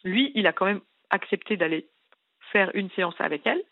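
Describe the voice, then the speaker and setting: A woman's voice: mid-range voice, lively intonation, a little fast, no echo. Distressed woman calling in by phone. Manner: rambling, heavy on details. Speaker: caller. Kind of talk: call-in radio confession. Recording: tinny phone line.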